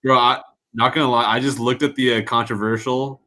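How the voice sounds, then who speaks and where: A man's voice: medium pitch, flat delivery, a little fast, bright, forceful tone. A man in casual voice chat, rueful and laughing often, peppering his talk with bro and dude. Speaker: Discord voice chat participant.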